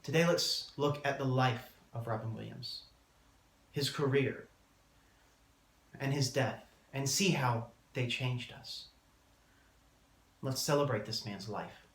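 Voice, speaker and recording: A man delivering a prepared eulogy as a speech, solemn and measured, with deliberate pauses. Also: medium pitch. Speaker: student speaker giving a eulogy. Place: indoor room, public speaking class. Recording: roomy, echoing room sound.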